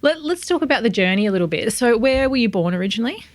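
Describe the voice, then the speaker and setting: A woman interviewing a guest, asking quick, direct questions. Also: on the high side, expressive, no echo.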